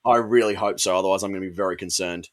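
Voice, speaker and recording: Low-voiced Australian man chatting. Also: steady tone. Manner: measured, many "um" fillers. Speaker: podcast co-host. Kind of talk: casual beer podcast chat.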